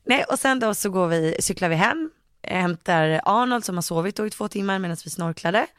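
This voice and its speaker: A woman's voice: medium pitch, clear, resonant tone, no echo, studio quality. A woman co-hosting a chat podcast, telling a story with lots of quoted asides and laughter. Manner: animated, quotes herself with "jag bara", laughs often. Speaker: podcast co-host.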